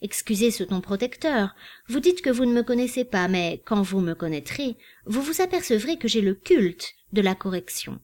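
A woman reading a novel aloud, voicing a composed, courteous and quietly proud gentleman in a measured, formal way. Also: medium pitch, expressive, close to an everyday voice. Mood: earnest, polite. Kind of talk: audiobook reading.

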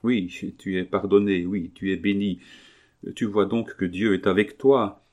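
A gentle, devoted young woman tending a sick friend, soothing and coaxing, her voice kept soft and unhurried, as a male reader does her slightly raised. The tone stays low and calm beneath it all, read from a storybook. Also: lightly acted.

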